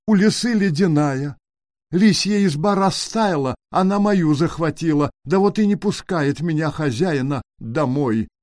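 A man's voice: a little high, darkish tone, dry recording, studio quality, voice pushed up. A man voicing a frightened, weepy little male hare in a storybook tale, pleading plaintively.

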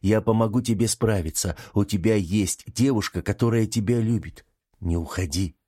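A steady young man talks calmly and reassuringly, read by a man in an audiobook. His voice is very deep and dark. The sound is dry and close. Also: normal speed, husky, dry recording. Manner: calm, reassuring. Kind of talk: audiobook character reading.

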